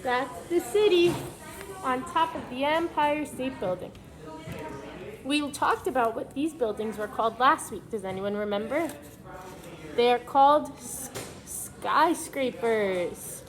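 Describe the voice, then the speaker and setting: Reading a picture book aloud to a group of young children, a female preschool teacher breaks off to pose questions that guide their learning. Her voice sits high.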